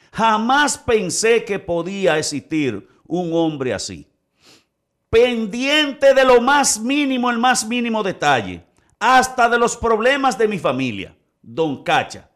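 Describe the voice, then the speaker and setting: A man's voice: sits high, a bit bright. A man hosting a radio talk show, reading listener letters aloud with playful, exclamatory banter.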